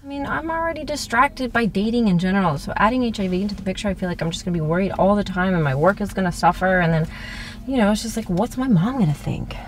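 An actress playing an anxious young woman who frets out loud about dating. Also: medium pitch, animated, fast, slight background noise, close to an everyday voice. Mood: fretful.

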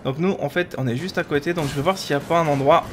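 A man's voice: fairly high pitch, fast talker. Man chatting through gameplay, noisy background. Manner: chatty, talking to himself. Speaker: gaming video host. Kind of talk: casual gameplay commentary.

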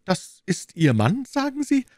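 A man voicing an anxious, fussy middle-aged landlord in an audiobook, in a high, strained, wordy and timid voice. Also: huge pitch swings, unhurried, darkish tone, no echo, clean studio sound, exaggerated voice. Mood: fretful. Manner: wordy, timid, eager to please. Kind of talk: audiobook reading.

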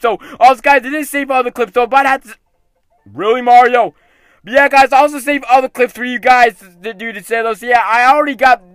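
A man hosting excitable video game commentary, exclaiming and scolding the game character, often tacking "though" onto his sentences. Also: extremely high pitch, clear, resonant tone, no echo. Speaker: gaming video host.

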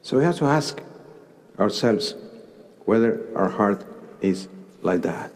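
A man in his sixties with a Mexican Spanish accent, an archbishop preaching a homily slowly in short deliberate phrases at a cathedral pulpit microphone. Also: lowish voice, lively intonation, a little mellow. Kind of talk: sermon. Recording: long cathedral reverb.

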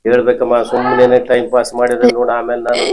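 In a low-quality recording with a faint hiss or hum, a male spirit healer conducts a ritual interrogation. His medium-pitched, darkish voice is completely flat and fast as he fires short commands and questions, repeating them relentlessly.

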